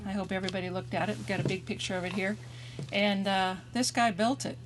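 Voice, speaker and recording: A woman emcees an outdoor park ceremony, reading names and chatting casually with plenty of fillers. There is clear background noise around her voice. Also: medium pitch, steady tone, fast talker. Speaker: board member emceeing a dedication ceremony. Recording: noisy outdoor recording.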